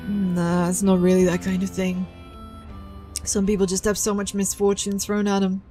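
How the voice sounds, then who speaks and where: A woman voicing a guarded, weary young male detective in a visual novel, with a low, muttered delivery. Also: completely flat delivery, moderate pace, mellow, faint music behind, natural voice.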